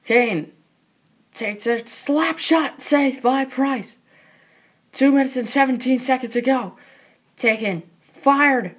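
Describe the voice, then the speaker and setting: A very high, youthful-pitched voice gives frantic mock sports commentary on a hockey game. The calls come in short, clipped bursts with drawn-out words between pauses. The delivery is excitable, always ready to rise toward a shout. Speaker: play-by-play commentator.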